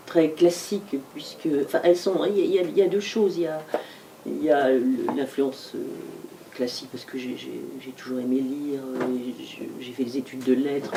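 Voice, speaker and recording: Woman, author guest at a bookshop talk, hesitant, warm mellow voice, mic far off. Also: low voice. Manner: hesitant, frequent fillers and repetitions. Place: bookshop event. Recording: distant mic, faint room noise.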